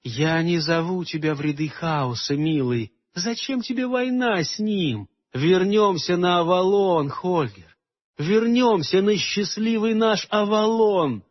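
A man reading aloud, voicing a seductive, scheming fairy queen with a husky, dull-sounding voice. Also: high-pitched, animated, measured pace. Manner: sultry, soft, then icy and mocking.

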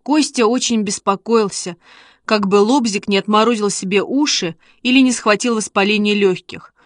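Woman reading a kids' story aloud, even and calm, dry close sound. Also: medium pitch, normal speed, no echo. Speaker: audiobook reader. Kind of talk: scripted narration of a children's story.

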